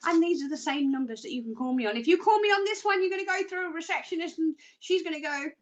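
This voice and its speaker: A woman's voice: very high-pitched, fast, muffled recording. A woman presenting a live psychic reading show, chatty and rambling with jokey asides, often checking in with "okay?".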